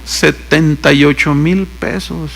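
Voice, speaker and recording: A man's voice: fairly high pitch, fairly even intonation, slow pace, creaky, fairly bright tone, a little hiss or hum. A man with a Mexican accent preaching a sermon, telling stories and acting out the dialogue, with joking asides. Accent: Mexican Spanish. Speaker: pastor. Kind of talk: sermon with anecdotes.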